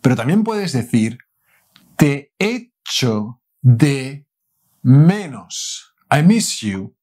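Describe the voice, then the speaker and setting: A man's voice: medium pitch, sing-song, extremely slow, darkish tone. A man from Spain with a Spanish accent, teaching Spanish phrases in a playful, casual way and switching between Spanish and English. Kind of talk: casual language lesson.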